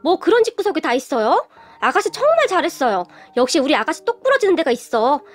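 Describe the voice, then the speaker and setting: A woman's voice: high voice, sing-song, quick pace, faint music behind. A woman voicing a cheerful young sister-in-law who dotes on the narrator. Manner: cheerful, doting.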